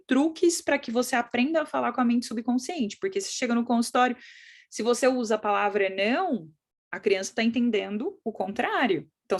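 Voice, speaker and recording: A middle-aged woman with a Brazilian accent, teaching in a lively conversational way, often acting out what children and parents say. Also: a little high. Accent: Brazilian Portuguese. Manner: animated, acts out quoted children and parents. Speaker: course instructor.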